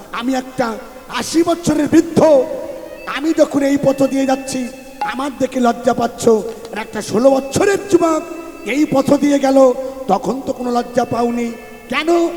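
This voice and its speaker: A man voicing an eighty-year-old sage who loudly questions a group of women, in a sung sermon. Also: unhurried. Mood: indignant. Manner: loud, high, declaiming. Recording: echoey hall with faint music.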